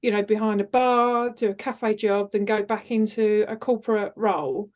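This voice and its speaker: A woman's voice: medium pitch, normal speed, a little mellow. A middle-aged woman, talking earnestly and frankly as a guest on a podcast interview. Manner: emphatic, candid, earnest. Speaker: guest, executive mentor and coach.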